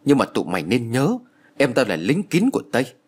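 A man's voice: medium pitch, huge pitch swings, brisk, breathy edge, heavily acted. A man playing a greedy, cunning older woman who screeches accusations in a storybook reading. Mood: scheming, accusing. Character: greedy shrewish older woman, shrill, furious.

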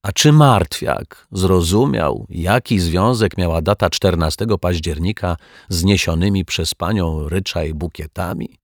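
A man narrating a children's story in an expressive, unhurried manner. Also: deep voice, no echo, clean studio sound.

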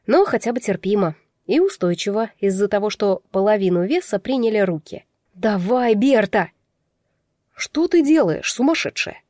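A woman narrating a first-person audiobook story in an expressive, emotional way. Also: medium pitch, no echo, clean studio sound.

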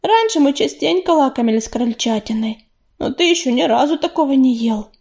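A woman's voice: sits high, expressive, moderate pace, darkish tone, slightly rough, full character voice. A woman voicing a weary, worried mother cat who speaks plaintively and tenderly in an audiobook.

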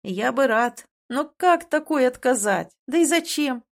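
A woman's voice: sits high, expressive, a little slow, pitched above the performer's own voice, heavily acted. Woman doing a teasing ghost prince. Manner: playful, teasing.

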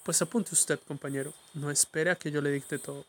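A man's voice: a little high, steady tone, a little fast, natural voice. A man reading a story, voicing a pushy, sly police officer who coaxes a child in a sugary tone. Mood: coaxing. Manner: sugary coaxing turning sharp.

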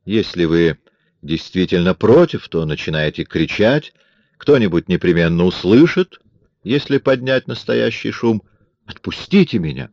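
A man voicing a furious young woman in an audiobook, with indignant, sharp outbursts. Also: low-pitched, very animated, measured pace, creaky, no room sound, muffled recording, heavily acted. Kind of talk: audiobook character reading.

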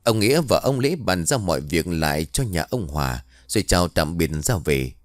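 A man narrating a somber story in an expressive storytelling voice. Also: low voice, moderate pace, no room sound, clean studio sound.

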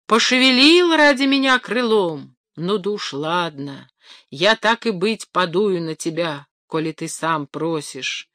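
A woman's voice: lowish voice, lively intonation, a little slow, fairly bright tone, dry recording. Storybook wind spirit, grudging and teasing, read by a woman; dry sound. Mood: mocking.

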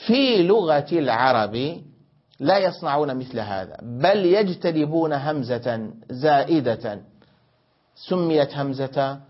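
Speaking at a measured pace with a fairly high voice and lively intonation, a male teacher leads a grammar class. He quizzes students, corrects their answers, and explains by repeating and rephrasing. The audio is a dull, lo-fi classroom recording.

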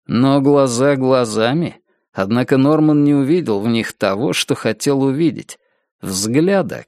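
A man reading a dark novel aloud as narrator, with wry, sardonic asides. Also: medium pitch, vocal fry, dry recording, clean studio sound. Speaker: audiobook narrator. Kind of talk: scripted narration.

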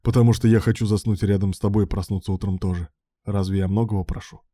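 A sardonic young man, drunk and mocking, who twists every reply into a jab. A male narrator voices him in a low, mellow voice, kept dry and close. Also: fairly even intonation, quick pace, dry recording, lightly acted. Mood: tender. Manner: sneering, sarcastic.

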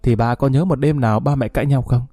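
A man's voice: medium pitch, fast, dark tone, husky, no room sound, studio quality, soft background music. A man voicing a grieving young man who answers his father with cool, mocking sarcasm. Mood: bitter.

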